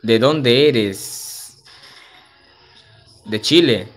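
Speaking very slowly in a mid-range voice, a young man chats casually with viewers as he streams a game. He's slangy and relaxed, reads the chat out loud and laughs frequently, with faint music underneath.

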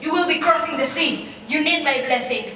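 A woman's voice: high voice, a little fast, pushed and bright. A woman playing an overbearing, scolding mother in a comic stage play, theatrical and emphatic. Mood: bossy. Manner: bossy, theatrical, emphatic repetition. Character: overbearing, scolding, dramatic mother of grown children. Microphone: far camera. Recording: very echoey theater stage, distant mic, faint noise.

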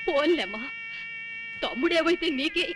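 An ailing old mother in a film comedy, half deaf and full of complaints, who scolds the young man as if he were her son. Her voice sits high and a little shrill. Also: lively intonation, moderate pace, background noise. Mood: fretful. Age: older. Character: ailing elderly mother, hard of hearing, fretful.

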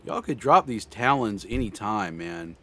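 A man's voice: fairly low pitch, animated, unhurried, noisy background. A man chatting casually with viewers during a live game stream, rambling with lots of fillers and restarts. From United States. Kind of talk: casual live-stream chat while gaming.

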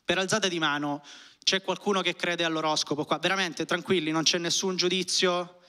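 A man's voice: high voice, steady tone, normal speed, bright, forceful tone. A man doing an ironic, conversational stand-up routine with casual swearing, speaking into a handheld stage microphone. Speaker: stand-up comedian. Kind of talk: stand-up comedy routine to a live audience. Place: comedy club stage with seated audience.

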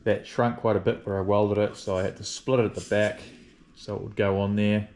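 A man's voice: fairly low pitch, little pitch movement, brisk, darkish tone, faint music behind. Laid-back man narrating a workshop build. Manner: laid-back, dry humour. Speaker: welder and fabricator vlogger. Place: metal workshop, indoors.

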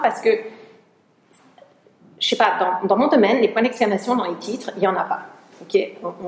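A woman researcher giving a conference talk in a lecture hall. She often searches for words and restarts her sentences. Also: mid-range voice. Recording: roomy hall sound.

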